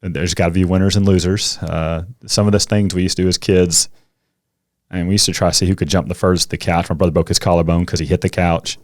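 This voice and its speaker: A middle-aged man, a coach and teacher, chatting as a podcast guest and telling animated stories. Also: sits low, fast, dry recording, clean studio sound. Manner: animated storyteller, acts out kids' voices. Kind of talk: casual interview conversation.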